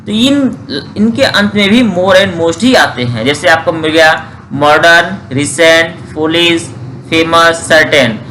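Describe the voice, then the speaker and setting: Male teacher, lesson delivery, high and bright tone, slow drilled examples. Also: expressive, a little hiss or hum. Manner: drills word forms slowly, asks and answers own questions. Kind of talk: grammar lesson.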